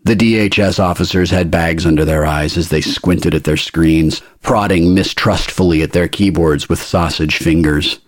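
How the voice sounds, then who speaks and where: A man narrating a story in an even, wry manner on a close mic. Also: sits low, normal speed, few pauses, no room sound. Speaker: audiobook narrator. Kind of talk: scripted narration.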